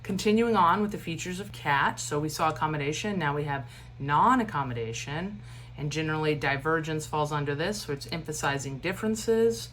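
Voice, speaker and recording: Low-pitched woman lecturing in a steady cadence. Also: brisk, a little hiss or hum. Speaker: instructor. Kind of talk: lecture for a recorded online class.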